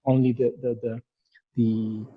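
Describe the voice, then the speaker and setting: A man's voice: medium pitch, flat delivery, a little slow, husky, phone-quality sound. A man from Iraq, a sculptor, giving thoughtful, searching answers in an interview with many restarts.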